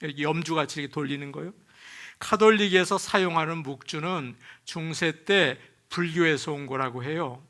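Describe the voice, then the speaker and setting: A middle-aged male pastor gives a sermon in a bright, forceful voice that sits a little high for a man. He preaches in a conversational way and keeps putting questions to his listeners. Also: moderate pace. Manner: sings hymn lines within the sermon.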